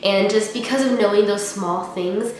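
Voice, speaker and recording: A young woman congested with a cold records a casual, earnest, reflective vlog, frequently using "like" as a filler. Her medium-pitched, darkish voice moves at normal speed in an unfurnished apartment room that echoes heavily, with music underneath.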